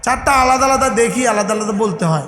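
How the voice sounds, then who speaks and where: High-voiced Bangladeshi preacher in echoey hall. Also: male voice, a little fast. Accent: Bangladeshi Bengali. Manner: calls on the crowd to answer back, rising to shouted emphasis. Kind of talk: sermon at a religious gathering. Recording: echoey hall, sound system.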